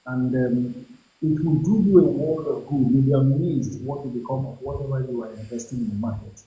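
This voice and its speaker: A man with a Nigerian English accent hosting a live call-in investment coaching session, giving an encouraging, salesy pitch with frequent ums. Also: moderate pace, mellow. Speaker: investment coach and livestream host. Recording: echoey room with faint hiss.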